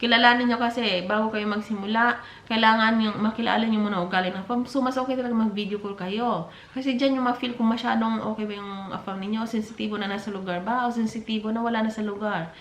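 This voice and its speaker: A woman's voice: a little high, fairly even intonation, fast talker, slight background noise. Chatty woman vlogger in an echoey room. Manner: chatty, keeps calling viewers "bes" and "te"; mixes in English phrases. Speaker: vlogger giving dating advice. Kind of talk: casual advice vlog. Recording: roomy echo.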